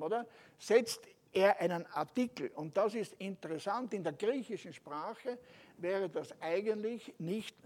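A high-voiced man preaches an emphatic sermon, slowing down on stressed phrases and letting line endings drop soft. He turns to his listeners with rhetorical asides.

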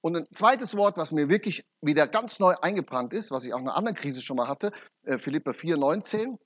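Husky preacher giving testimony. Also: male voice, animated, brisk. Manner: emphatic, swings between loud urgent peaks and quiet low asides. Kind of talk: testimony sermon.

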